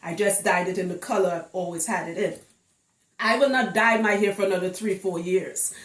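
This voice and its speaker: An emphatic locs hairstylist from Trinidad chats to camera in a casual explainer, sprinkling in rhetorical questions. She speaks briskly, her medium-pitched voice fairly bright in tone. The recording has a roomy, echoing indoor sound.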